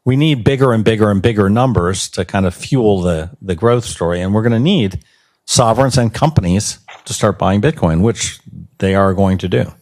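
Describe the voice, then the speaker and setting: A man's voice: lowish voice, normal speed, a little mellow. A man speaking on a conference panel, stumbling over repeated words. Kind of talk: panel discussion.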